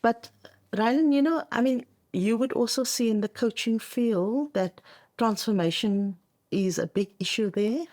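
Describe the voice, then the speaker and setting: Her voice is a little high and a little mellow, moving at a measured pace. She's a middle-aged South African woman, Afrikaans her first language, being interviewed on a podcast as a coach, speaking conversationally, emphatically, and checking in as she goes.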